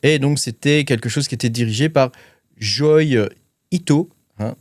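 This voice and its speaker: A man hosts a crypto channel, giving casual commentary to camera at a measured pace in a medium-pitched voice. He reads from his notes with lots of fillers and hesitations, and the studio-quality recording is dry.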